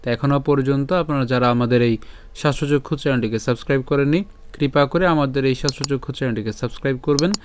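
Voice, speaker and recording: A man teaching the pronunciation of a Sanskrit verse syllable by syllable, asking and answering his own questions and chanting the lines slowly. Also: medium pitch, slight background noise. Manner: breaks words into syllables, repeats them, asks and answers his own questions. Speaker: Gita recitation teacher. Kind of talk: step-by-step Sanskrit pronunciation lesson.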